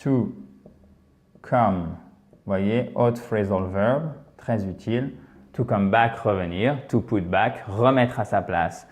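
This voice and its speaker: A man's voice: fairly low pitch, slow, a little mellow. A man teaching an English lesson in French, explaining patiently and checking in often with his students.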